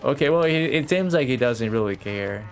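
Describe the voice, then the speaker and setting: This man streams a game, riffing casually and sarcastically while cursing freely, his medium-pitched voice animated at a normal speed. Game music plays in the background.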